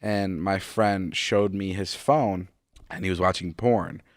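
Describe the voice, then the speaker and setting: A man's voice: low-pitched, steady tone, slow pace, no echo, studio quality. A man in his twenties co-hosting a podcast, rambling through stories in casual chat, full of "like" and swearing. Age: 20s. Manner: rambling storyteller, lots of "like" and swearing. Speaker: podcast co-host.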